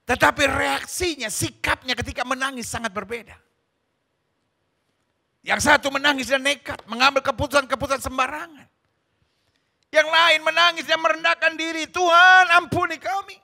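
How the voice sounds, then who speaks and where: A man preaching a sermon in a strikingly high, very bright and ringing voice. He is a middle-aged pastor who drives his points with fervor. His delivery moves between hushed stretches and emphatic, forceful ones. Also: fairly even intonation, normal speed, gravelly, long pauses.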